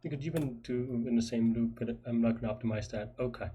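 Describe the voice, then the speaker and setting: A man's voice: medium pitch, steady tone, fast talker, highs cut off. Man thinking aloud while coding, faint noise. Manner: hesitant muttering, thinking aloud in fragments. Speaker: programmer host live-solving a puzzle. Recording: faint noise, keyboard typing and clicks.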